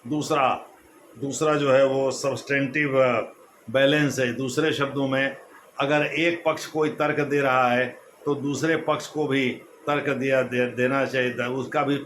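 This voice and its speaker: A man's voice: medium pitch, flat delivery, a bit bright. Man, exam coach lecture, restates points, faint noise behind. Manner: explanatory, repeats points in other words, slow emphatic quotes. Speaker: civil services exam coach. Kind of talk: classroom lecture.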